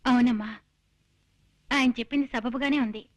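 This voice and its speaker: An actress playing an earnest young daughter who speaks firmly in a film drama. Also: female voice, fairly high pitch, fairly even intonation, moderate pace, muffled recording, very noisy, natural voice. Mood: resolute. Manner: earnest and firm.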